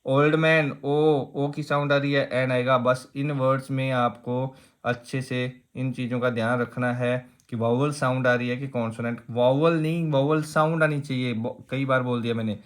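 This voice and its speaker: A man's voice: mid-range voice, steady tone, moderate pace. A man teaching an exam-prep grammar lesson, explaining step by step, asking rhetorical questions and repeating key points.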